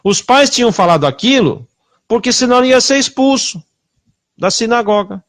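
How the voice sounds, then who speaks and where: A man preaching a sermon with a Brazilian Portuguese accent, confrontational and full of rhetorical questions, swinging between loud bursts and hushed asides. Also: very high-pitched, lively intonation, moderate pace, no echo, studio quality.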